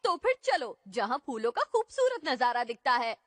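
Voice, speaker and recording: High, lively boy ninja. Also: normal speed, background noise. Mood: excited, commanding. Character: spirited boy ninja, helpful and teasing. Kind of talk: Hindi cartoon dub acting.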